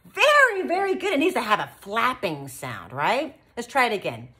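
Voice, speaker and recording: A woman teaching children beatboxing in an animated, encouraging way, full of praise. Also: mid-range voice, normal speed, very noisy. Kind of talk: children's tutorial.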